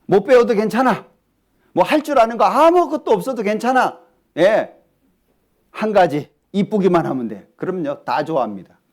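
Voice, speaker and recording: A man preaching a sermon in church, lively and talkative, often asking the congregation questions. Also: sits high, moderate pace. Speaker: pastor. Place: church hall.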